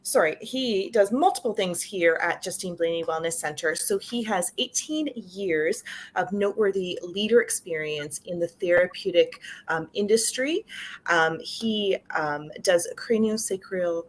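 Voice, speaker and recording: Woman introducing guests with pauses. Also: fairly low pitch. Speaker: staff member introducing guests.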